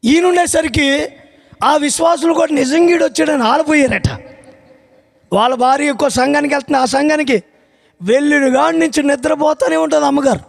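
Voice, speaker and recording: A man preaching a sermon as pastor, telling a comic story and shouting praise calls to the congregation. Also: very high-pitched, fairly quick, vocal fry. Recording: hall reverb.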